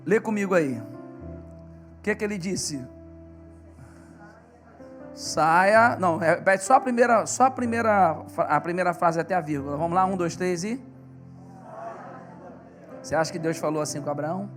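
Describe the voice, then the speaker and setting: A man's voice: high-pitched, normal speed, long pauses, a bit bright, soft background music. A male pastor with a Brazilian Portuguese accent preaching in church, telling stories with animation and emphasis. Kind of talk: sermon.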